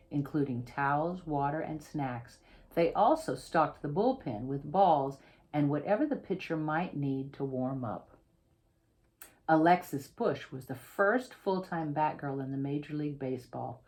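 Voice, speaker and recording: A woman author reads a picture book aloud with expression, pausing to explain details directly to young listeners. Her voice is deep and warm.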